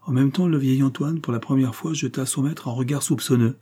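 A man reading a novel aloud as audiobook narration in a measured, even storytelling manner. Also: mid-range voice, slightly rough. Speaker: audiobook reader.

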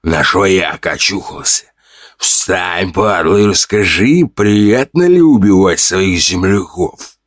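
A man's voice: deep voice, animated, takes it slowly, dry recording, clean studio sound, full character voice. A man voicing a cruel, mocking bandit leader in an audiobook, speaking with contempt. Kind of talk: audiobook character voice.

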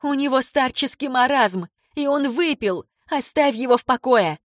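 Shrill panicked woman, high shouted pleas, dry close sound, audiobook voice. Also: lively intonation, normal speed, no echo. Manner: shrill, pleading. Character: panicked adult daughter pleading loudly. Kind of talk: audiobook character voice.

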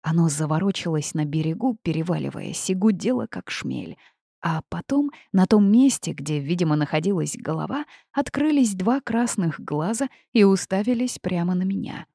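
A woman narrates a first-person audiobook in a measured, expressive way. Her voice sits low with a dark, mellow tone and a gravelly edge. It is recorded close and dry, with no room echo.

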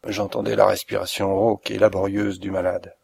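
A man reading a classic detective story aloud, narrating in a measured, unhurried way. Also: deep voice, level tone, vocal fry, a little mellow, slightly rough. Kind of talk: audiobook reading.

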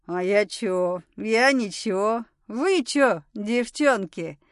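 A woman voicing a drunk, pestering village man who drawls slowly and wheedles. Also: mid-range voice, animated, dry recording, studio quality. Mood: wheedling.

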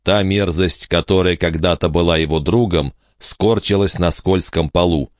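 A man narrating a horror audiobook in a measured, steady storytelling manner. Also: sits low, no echo, studio quality.

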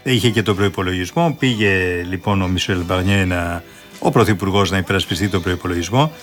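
A man's voice: deep voice, soft background music. Insistent male radio co-host explaining news. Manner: explains economics insistently, interrupts, laughs. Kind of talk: casual radio talk on current affairs.

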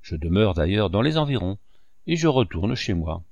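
A man's voice: lowish voice, very animated, moderate pace, creaky, a little mellow, no room sound. A man voicing a bold young male sculptor who speaks bluntly and defiantly.

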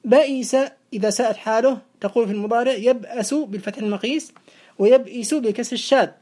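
A woman teaching a classical grammar lesson, explaining in a measured way and reciting verse slowly. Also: a little high, dark tone.

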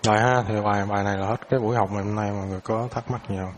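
A man teaching a dharma class who takes questions, speaking in a relaxed way and often repeating words as he searches for them. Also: fairly low pitch, racing, slight background noise.

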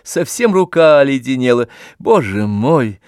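A man's voice: medium pitch, big pitch swings, a little mellow, dry recording, clean studio sound, pitched above the performer's own voice. A man reading aloud and voicing a playful, mischievous young woman who teases and shifts topics carelessly, in an audiobook. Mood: teasing. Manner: teasing, carefree, quick changes of subject.

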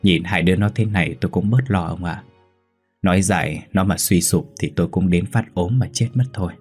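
Một người đàn ông giọng trầm khàn lồng tiếng một bà vợ nông thôn lớn tuổi hay lo lắng, nói lắp khi sợ hãi. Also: male voice, low-pitched, fairly quick, darkish tone, husky, faint music behind. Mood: fussing. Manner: anxious, stammering when scared. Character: worried older village wife, anxious, fussing.

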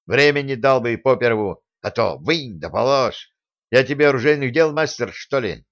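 A man's voice: medium pitch, moderate pace, close to an everyday voice. A man voicing a grumpy, stubborn elderly teacher who grumbles and snaps back. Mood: irritable. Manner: grumbling, irritable, defiant. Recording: dull lo-fi sound.

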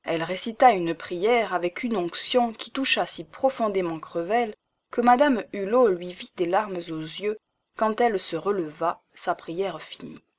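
A woman's voice: mid-range voice, a little slow. Woman reading a classic novel aloud. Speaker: audiobook reader. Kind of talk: scripted narration of a classic novel.

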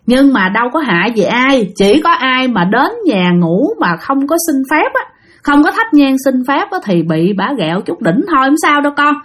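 A woman voicing an older father who calmly reassures a frightened young man, speaking gently. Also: high-pitched, normal speed, full character voice. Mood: reassuring. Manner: gentle, soothing.

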